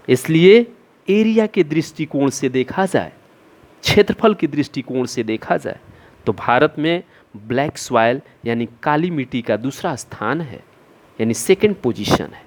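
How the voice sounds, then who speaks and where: A middle-aged man giving a classroom lecture, asking questions and answering them himself, with English terms mixed in. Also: medium pitch. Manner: asks and answers his own questions, mixing in English terms. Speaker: teacher.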